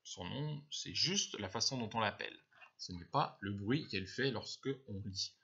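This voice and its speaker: A man's voice: on the low side, animated, moderate pace, creaky, pushed and bright, husky. A male first-grade teacher casually explaining to parents how to practise letter sounds, patient and full of fillers and restarts. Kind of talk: casual spoken advice to parents. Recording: dull lo-fi recording.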